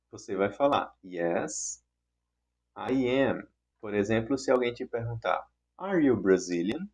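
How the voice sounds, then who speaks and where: A man teaching an online English lesson in Portuguese, who repeats the example sentences patiently and clearly. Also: mid-range voice.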